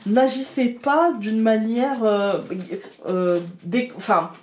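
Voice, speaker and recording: A woman's voice: a little high, slow, reverberant. A woman with a Picard accent giving a weekly tarot guidance, talking directly to her viewers with many hesitations and restarts. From France. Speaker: tarot card reader. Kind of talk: weekly card reading guidance.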